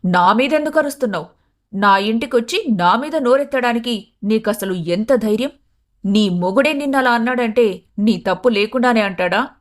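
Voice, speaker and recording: A woman voicing a sharp-tongued, contemptuous young wife in a storybook tale. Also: fairly high pitch, expressive, normal speed, close to an everyday voice. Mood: scornful. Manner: sneering, irritated.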